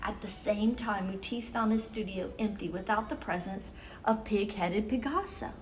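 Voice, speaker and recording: A female story-time host reads picture books to young children, her delivery expressive yet unhurried and deliberate. She speaks at a medium pitch, and faint hiss or hum sits under the audio.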